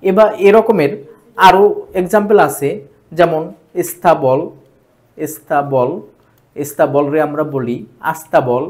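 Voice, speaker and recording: A man with a Bangladeshi Bengali accent teaching a grammar lesson for exam preparation, repeating each term slowly for emphasis. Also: a little high, lively intonation, darkish tone.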